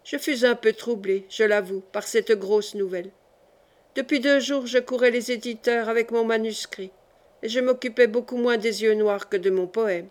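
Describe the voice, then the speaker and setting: A woman reading a classic novel aloud in the first person, in a measured and expressive way. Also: a little high. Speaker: audiobook reader.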